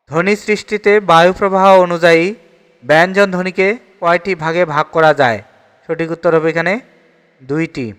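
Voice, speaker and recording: High, clear-voiced man drilling grammar answers. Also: long reverb tail. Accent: Bangladeshi Bengali. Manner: steady question-and-answer drilling, repeats answers. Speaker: teacher solving exam questions. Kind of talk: exam-prep grammar lesson.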